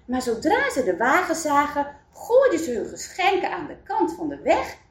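A woman reading a children's story aloud, in an expressive storybook manner. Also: high-pitched, moderate pace. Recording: roomy, distant mic.

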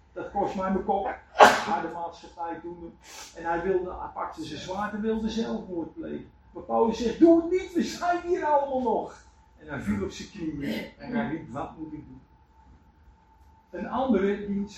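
A man preaching a sermon, telling Bible stories with lively acted quotes. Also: fairly high pitch, a little hiss or hum. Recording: echoey room, voice from far off.

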